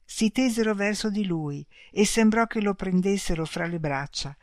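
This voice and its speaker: A narrator reading a story in a calm, measured audiobook style. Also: medium pitch, no room sound, studio quality.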